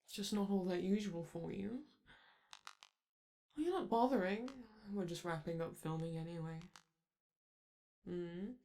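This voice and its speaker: A performer speaks in a medium-pitched, somewhat dark voice that sounds close to an everyday one, taking an unhurried pace with long pauses over slight background noise. They voice a flamboyant male robot TV star, vain and charming, who talks theatrically and flirts with the listener in a romantic audio roleplay. The mood is fond and theatrical.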